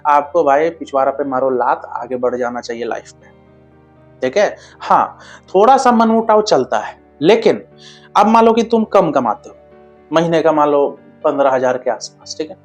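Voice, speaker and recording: A man's voice: on the high side, animated, normal speed, muffled recording, faint music behind. A man giving blunt, casual relationship advice straight to his viewers, keeps checking they understand and calls them brother.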